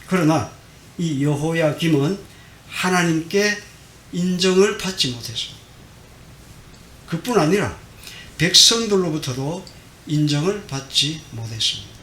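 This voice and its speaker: The Sunday sermon comes from a middle-aged pastor who is unhurried and leaves long pauses, his intonation lively. Acting out the prophet's complaints, he shifts dramatically in volume and questions the congregation, his words echoing through the church sanctuary over a faint rumble.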